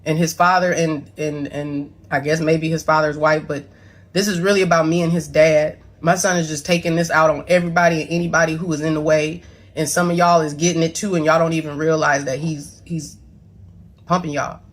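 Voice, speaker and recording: A woman's voice: low voice, flat delivery, fairly quick. A woman close to tears in a rambling, profane confessional video monologue, apologizing and defending herself as a mother. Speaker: mother addressing her son's claims.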